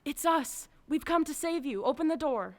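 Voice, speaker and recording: A woman's voice: high-pitched, expressive, normal speed, dry recording. A teenage girl playing a boastful but timid lion in a stage play, blustery and dramatic. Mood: urgent. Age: teens. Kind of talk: high school stage play acting.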